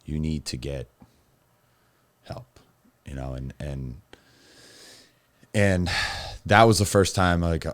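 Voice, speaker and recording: A young adult man, a podcast guest, telling his personal story in a rambling, halting way with many restarts. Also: low voice, no echo.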